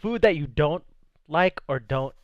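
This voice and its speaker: A man's voice: on the high side, animated, unhurried, dry recording, dull audio. A young man hosting a casual podcast, upbeat, chatting with friends and reading chat messages aloud. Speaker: podcast host.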